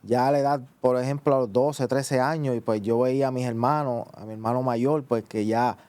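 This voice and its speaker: A man with a Puerto Rican accent telling his personal testimony, halting and filling with "eh" and "pues". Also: medium pitch, steady tone, darkish tone, dry recording. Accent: Puerto Rican Spanish. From Puerto Rico. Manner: halting, many "eh" and "pues" restarts. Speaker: guest giving testimony.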